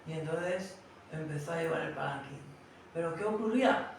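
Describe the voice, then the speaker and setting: A man's voice: on the high side, normal speed, background noise. A man with a Spain Spanish accent tells a devotional story in a class, talking conversationally and often tagging his phrases with a questioning "no". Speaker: spiritual teacher. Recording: very echoey room, distant mic.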